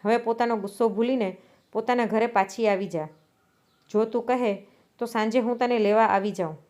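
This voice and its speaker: An earnest young husband pleads with his wife, hurt but trying to stay reasonable, as a woman narrator reads his part. The voice is on the high side. It is a storybook reading. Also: moderate pace, darkish tone, close to an everyday voice. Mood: pleading.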